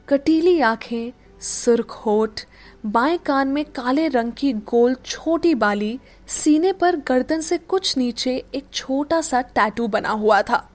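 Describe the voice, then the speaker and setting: A woman reads an audiobook with expressive storytelling. Her voice sits high and bright. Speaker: narrator. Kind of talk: scripted audiobook narration.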